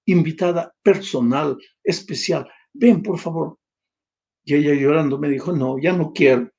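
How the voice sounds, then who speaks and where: A man's voice: a little high, mellow. An older man with a Peruvian Spanish accent, preaching a sermon and telling an emotional story, often rising to emphatic cries. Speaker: pastor.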